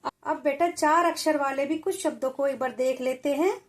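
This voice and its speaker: A woman teacher giving a reading lesson for children, sounding out words slowly and repeating each one. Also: sits high. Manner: addresses children as beta.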